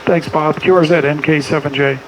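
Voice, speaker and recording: A middle-aged ham operator, fairly high-voiced with fairly even intonation, briskly runs through clipped contest exchanges and phonetic spellings. He's indoors in a small home radio room, and background noise comes through clearly.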